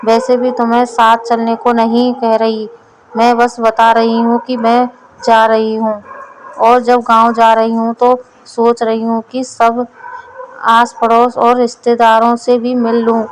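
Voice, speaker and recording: A woman's voice: fairly high pitch, completely flat delivery, unhurried, slight background noise, close to an everyday voice, poor audio. A woman voicing a firm, nagging wife who scolds her husband about his eating in a storybook. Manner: nagging, matter-of-fact.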